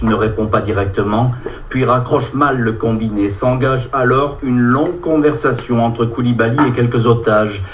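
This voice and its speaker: A man's voice: fairly low pitch, distant mic, a little hiss or hum. A man delivering a scripted radio news report in a neutral, narrative tone.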